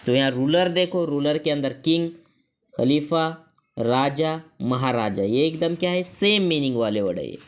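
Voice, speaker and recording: A teacher with an Indian accent takes an online English class at a very unhurried pace. Each English definition is read out slowly and word by word, then explained again in Hindi, with a middle-pitched voice. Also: animated.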